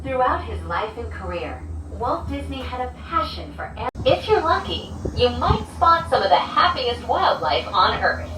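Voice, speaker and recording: Brief: woman ride announcer on an outdoor loudspeaker, somewhat high, far off and echoey, with noise around. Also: sing-song, moderate pace, few pauses. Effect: played over an outdoor loudspeaker. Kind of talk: recorded safety and welcome announcements. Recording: distant, echoey loudspeaker with noisy surroundings.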